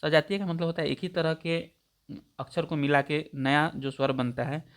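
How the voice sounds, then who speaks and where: A man's voice: fairly high pitch, steady tone, normal speed. A man teaching grammar for exam preparation, explaining each point step by step and repeating definitions to check understanding. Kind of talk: exam-prep grammar lesson.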